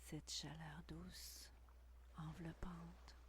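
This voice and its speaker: A woman whispering a guided meditation intimately, right by the ear, in a breathy, soothing, unhurried voice with long pauses. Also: low voice, little pitch movement, slight background noise. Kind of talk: guided meditation, scripted narration.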